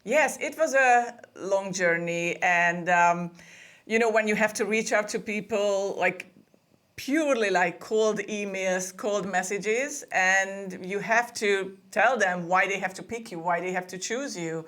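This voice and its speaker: A Hungarian woman who co-owns a podcast booking agency joins a remote interview as a guest for a casual conversation. She is chatty, laughing often and restarting her sentences, in an unhurried, medium-pitched and fairly bright voice.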